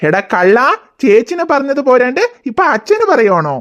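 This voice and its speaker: A woman voicing a gentle cartoon father who reassures his daughter and mock-scolds his son. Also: on the high side, very animated, brisk, highs cut off. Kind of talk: cartoon voice acting.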